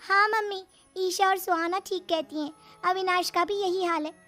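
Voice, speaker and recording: A woman voicing a distressed young married daughter in an animated story, complaining in a plaintive, dramatic way. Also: extremely high pitch, normal speed, pitched above the performer's own voice. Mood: worried complaint. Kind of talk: animated moral story dialogue. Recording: music behind the voice.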